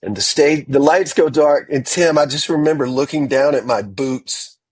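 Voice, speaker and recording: A man with a husky voice tells stories from his music career as an interview guest. He is animated and acts out the quoted dialogue. The sound is close and dry. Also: a little high, moderate pace, dry recording. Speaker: guitarist guest. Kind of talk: storytelling interview.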